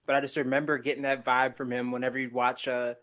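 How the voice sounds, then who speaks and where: A man in his thirties chats casually on a podcast, mid-pitched and relaxed. He tells stories loosely, swears freely and laughs along with his friends. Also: quick pace. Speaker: podcast co-host. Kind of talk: casual chat.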